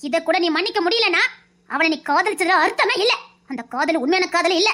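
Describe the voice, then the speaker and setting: A woman's voice: very high voice, expressive, fairly quick, bright, forceful tone, exaggerated voice. A woman voicing a stern, wise grandmother who lectures firmly, with a Tirunelveli Tamil accent. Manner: lecturing, firm, moralizing. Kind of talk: family drama acting.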